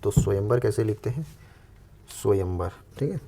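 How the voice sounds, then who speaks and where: Gravelly-voiced man teaching spelling. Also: lowish voice, animated, mellow. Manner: explains step by step, repeats each word slowly. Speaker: Hindi exam coach. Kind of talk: spelling lesson for exam aspirants.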